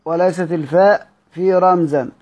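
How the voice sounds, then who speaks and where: Egyptian male teacher, fairly high voice, quizzes himself aloud, slow chanted quotes, brisk asides. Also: steady tone, a little mellow. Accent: Egyptian Arabic. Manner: drawn-out chanting of quoted verse, quick asides; asks and answers his own questions. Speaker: teacher explaining a classical Arabic text. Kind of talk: colloquial Egyptian lesson mixing classical quotations.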